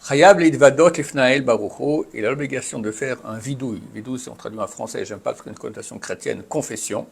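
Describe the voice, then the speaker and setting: Husky guy teaching a torah class, reads hebrew bits then explains them all chatty. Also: on the low side, fairly even intonation, fast talker. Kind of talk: Torah lesson, explaining texts.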